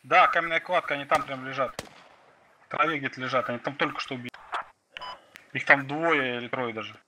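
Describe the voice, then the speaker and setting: A man's voice: mid-range voice, fairly quick, a crowd in the background. A man in gaming voice chat, giving position callouts to teammates. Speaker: squad gamer. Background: gunfire, artillery.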